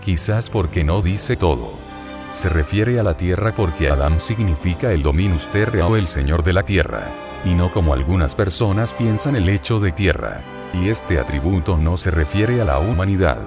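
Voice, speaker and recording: A man giving a slow, measured first-person narration of a visionary account, describing each detail deliberately. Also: sits low, expressive, over music.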